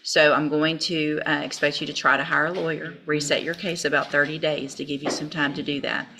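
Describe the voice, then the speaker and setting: A woman's voice: sits low, flat delivery, brisk. A woman judge in a courtroom, firmly and methodically instructing defendants on procedure. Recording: hissy courtroom recording.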